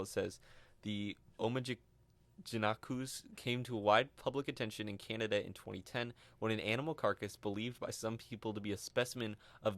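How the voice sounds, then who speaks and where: A young man co-hosting a casual podcast, speaking in a low voice. He reads articles aloud, trips over odd names and breaks into laughter often. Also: fairly bright tone, no room sound. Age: young adult. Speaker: podcast co-host.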